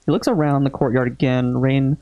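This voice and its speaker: A man giving casual, low-key playthrough commentary as a gaming host, musing aloud and reading out game text. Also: fairly even intonation, a little fast, no room sound, highs cut off.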